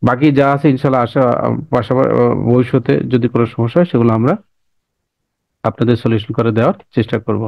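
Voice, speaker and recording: A man teaching a software class, walking through steps and repeating himself while often checking that listeners follow. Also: mid-range voice, fast talker, vocal fry, long pauses, no echo, lo-fi sound. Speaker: instructor. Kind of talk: screen-recorded software tutorial.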